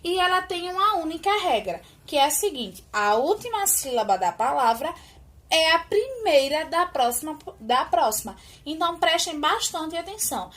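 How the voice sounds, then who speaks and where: A woman teacher explaining a classroom word activity step by step, slowly and patiently. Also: high-pitched, very animated, a bit bright.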